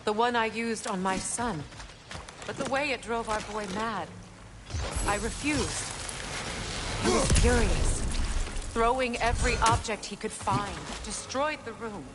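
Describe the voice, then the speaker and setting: An actress playing a grieving, proud former queen in a video game, speaking in a measured, wistful way with dry sarcasm. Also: fairly high pitch, very noisy, lightly acted. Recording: game audio with boat and water sounds.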